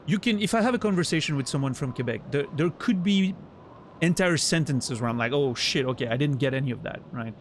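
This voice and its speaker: A native French speaker from Switzerland, with a Swiss French accent, chats casually with viewers while streaming a game. His voice is on the high side, lively and fairly quick, he often restarts sentences, and there's slight background noise.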